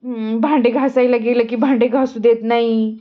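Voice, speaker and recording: Woman, high voice, mother gently coaxing her child on a home vlog. Dull lo-fi phone audio. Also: fairly even intonation, moderate pace. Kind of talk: casual family vlog chat.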